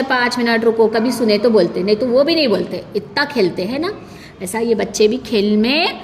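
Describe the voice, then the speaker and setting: A woman teacher with a fairly high voice tells a story to young children. She acts out the characters and keeps asking the class questions. The sound carries a long reverb and a faint background hiss. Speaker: primary school teacher.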